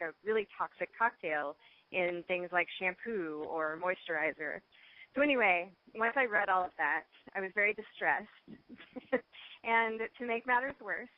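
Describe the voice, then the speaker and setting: A woman's voice: mid-range voice, no room sound. Woman chatting over the phone. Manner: chatty, laughs often, restarts sentences. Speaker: guest cosmetics maker and scientist. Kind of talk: phone interview. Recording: dull dry phone line.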